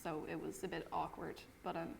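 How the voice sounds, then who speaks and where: Low, flat-voiced young woman. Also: fairly quick, gravelly, in a large hall, a little hiss or hum. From Ireland. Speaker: interviewee. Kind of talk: documentary interview.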